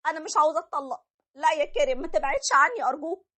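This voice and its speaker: A woman's voice: sits high, racing, a bit bright. A woman voicing a loving, playful young wife with an Egyptian accent. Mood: pleading. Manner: playful and pleading. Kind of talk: animated story voice acting.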